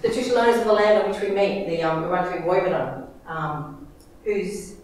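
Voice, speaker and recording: Speaking fairly quickly in a lowish, slightly mellow voice, a middle-aged woman with an Australian accent gives a chatty, filler-heavy introduction of a guest speaker, correcting herself often. The university lecture hall is large and echoey, and her lectern mic is heard from far back with slight background noise.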